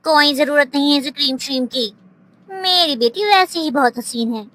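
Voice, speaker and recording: In an animated moral story, a woman voices a sharp-tongued female relative who needles others. Her high voice moves at a moderate pace, with theatrical, pointed delivery.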